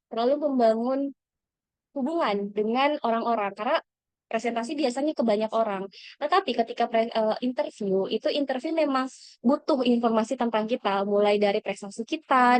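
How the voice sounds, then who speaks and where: In an online lesson, a woman mentors scholarship applicants, encouraging her audience in a fairly high-pitched, darkish voice on a dry recording. She uses frequent fillers and corrects herself often.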